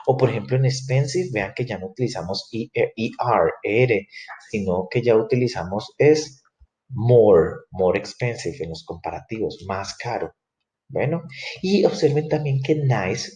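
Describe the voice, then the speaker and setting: A man teaching English grammar, explaining rules in a lively way, repeating and spelling out each example slowly. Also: on the low side, highs cut off. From Colombia. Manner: animated, repeats and spells words out, slows for examples.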